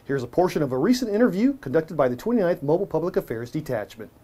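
A man's voice: on the high side, very animated, quick pace, loud music behind the voice. A middle-aged man hosting a local news show, reading his script in an upbeat way from a small office.

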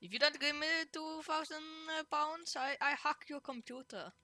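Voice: sits high, normal speed, bright, forceful tone, no room sound, pitched above the performer's own voice. A gamer putting on an Indian accent to play a pushy, threatening tech-support scammer who stammers through mock threats.

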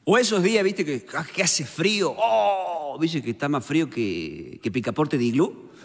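A man's voice: on the high side, expressive, normal speed, gravelly, in a large hall, very noisy. A man from Córdoba, Argentina, with a Cordobés accent, doing a stand-up routine in a chatty joke-telling way full of little "viste" and "eh" tags. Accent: Cordobés Argentine Spanish. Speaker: stand-up comedian.

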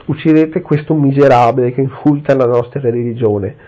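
A man voicing a furious, fanatical priest of Moloch who shouts in indignant rage, on a slightly dull recording. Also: medium pitch, normal speed, lightly acted.

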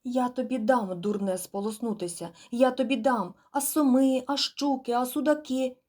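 A woman's voice: high voice, moderate pace, a little mellow, voice pushed up. A woman voicing a frightened, stern father gander in a storybook reading, scolding and fretting aloud. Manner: scolding, raised and urgent.

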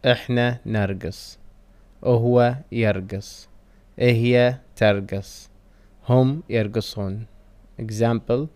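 A man with a Kuwaiti accent, reading Arabic verb conjugations and English translations slowly and deliberately in a language lesson. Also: medium pitch, fairly even intonation, darkish tone. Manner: slow, deliberate word-by-word reading. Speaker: Arabic teacher. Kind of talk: reading vocabulary drills.

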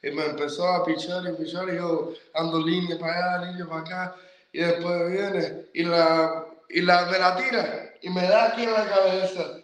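A man's voice: high voice, steady tone, normal speed, a bit bright. A man, a young baseball player, telling a story in casual chat with some hesitation. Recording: roomy room echo.

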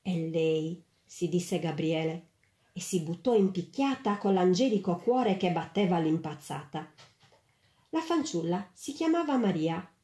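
A woman reading a storybook aloud in an expressive, lively way, in a roomy space. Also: on the low side, measured pace. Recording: roomy echo.

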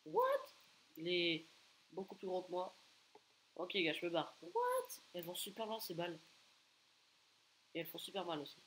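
A man giving excitable live gameplay commentary, taunting opponents and bursting into repeated exclamations. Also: high voice, normal speed, long pauses, slight background noise, poor audio. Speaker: gaming video creator.

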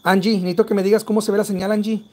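A man with a Mexican accent hosting a live paranormal investigation stream, urgent, calling out loudly to a spirit and then dropping to hushed whispers. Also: high-pitched, little pitch movement, racing. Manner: urgent, shifts between loud calls to a spirit and hushed whispers. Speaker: paranormal livestream host.

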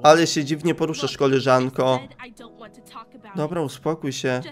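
A man's voice: fairly high pitch, steady tone, moderate pace, soft background music. A young man giving casual, joking let's-play commentary, chatting to viewers as a gaming YouTuber. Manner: playful, jokey, talks to viewers.

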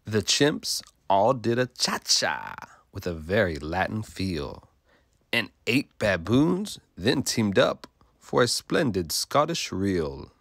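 A man's voice: lowish voice, sing-song, slow, creaky, fairly bright tone, no room sound, studio quality. A male teacher reading a rhyming picture book aloud to children in a sing-song way, stopping to ask them questions.

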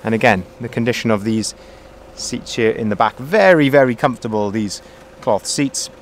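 A man, a car salesman, walking around a used pickup outdoors and calmly pointing out its features. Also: medium pitch, moderate pace, a little hiss or hum. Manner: friendly, methodical, repeats phrases. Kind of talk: walkaround vehicle review. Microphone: handheld phone camera, filming himself off-screen.

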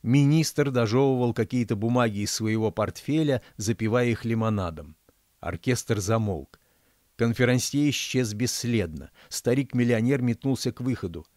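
A man, the author, reading his fairy-tale audiobook in a measured, storytelling manner. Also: medium pitch, darkish tone, dry recording, clean studio sound. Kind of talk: audiobook narration.

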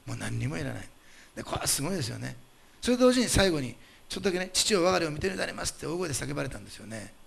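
A male pastor delivering a sermon, emphatic and animated, putting rhetorical questions to the congregation. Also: mid-range voice, rapid-fire, gravelly, slightly rough.

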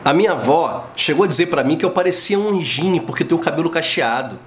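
Recorded indoors at home with the camera close, the clip captures a Brazilian man in his forties from Rio, with the local accent, casually vlogging his opinions. He's slangy and lively, acting out voices as he tells stories, in a slightly high voice at a quick pace, and the living room sounds roomy and echoey.

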